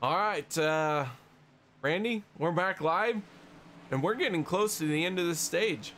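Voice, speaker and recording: A man's voice: on the high side, lively intonation, unhurried, a bit bright, a little hiss or hum. A man with a Missouri accent doing race commentary with casual banter. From Missouri, USA. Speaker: sim racing commentator.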